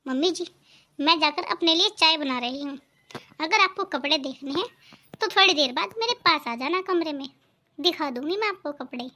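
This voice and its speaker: A woman's voice: sits high, normal speed, sharp tone, a little hiss or hum. A woman voicing a young daughter-in-law in a cartoon family drama, polite but firm when she answers back.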